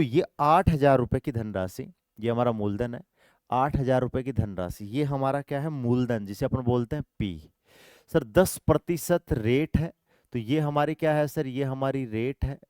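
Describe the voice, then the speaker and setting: Male math teacher, call-and-response style, repetitive, smooth clear voice, dry close sound. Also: medium pitch, a little mellow, no room sound. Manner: repetitive call-and-response, puts answers in students' mouths; affectionate coaxing, calls students 'my dear brother'. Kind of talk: online exam-prep math lesson.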